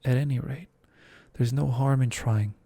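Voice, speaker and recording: A man voicing a polite, eager young girl in a soft whispered role-play. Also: mid-range voice, fairly even intonation, normal speed, dry recording, natural voice. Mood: earnest. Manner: earnest, eager, soft-spoken.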